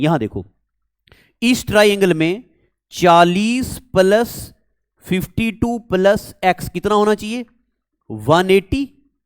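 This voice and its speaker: A man's voice: high voice, smooth, dry recording, studio quality. A man teaching a maths class, coaxing students and asking them questions as he works through a problem. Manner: coaxing, repeats words, asks students questions.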